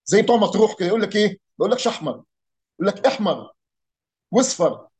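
A man with an Egyptian accent talks through regional dialects in an easy, chatty way. His voice sits high and his delivery is rapid. He keeps asking rhetorical questions and imitating how people in different areas pronounce words. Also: darkish tone. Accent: Egyptian Arabic. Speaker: speaker on Arabic dialects and folk heritage. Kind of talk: casual explanatory talk.

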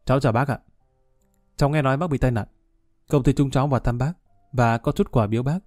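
A man's voice: medium pitch, fast talker, a little mellow, dry recording, clean studio sound, faint music behind, natural voice. A man playing a scheming, two-faced male company boss, bellowing at his men and falsely polite to others.

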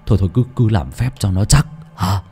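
A man voicing a bossy older village man who shouts commands and stammers in a hurry. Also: on the low side, expressive, brisk, slightly rough, voice pushed down, heavily acted. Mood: insistent.

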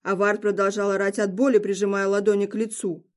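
A woman's voice: medium pitch, level tone, brisk. Woman reading a fantasy audiobook. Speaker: audiobook reader. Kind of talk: scripted fantasy narration.

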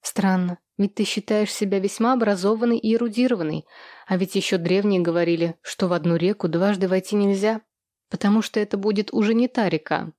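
A woman doing a calm, mocking ex-wife. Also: mid-range voice, brisk, no echo, studio quality, lightly acted. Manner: calm, sarcastic.

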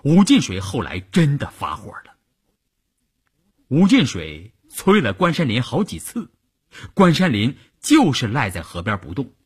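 Slow, husky man telling a story. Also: medium pitch. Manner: slow, expressive narration. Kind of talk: radio storytelling narration.

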